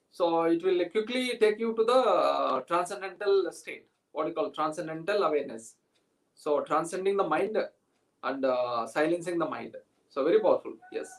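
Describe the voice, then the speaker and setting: A man from South India with an Indian English accent, a teacher explaining haltingly in an interview and repeating his phrases. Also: sits high, far from the mic, poor audio. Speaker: yoga-vedanta teacher.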